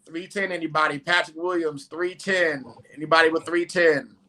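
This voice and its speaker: Casting: man, bright and tense tone, joking live-stream host with auctioneer patter. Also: fairly high pitch, fairly even intonation, moderate pace, low-quality recording. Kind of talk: casual live-stream chat.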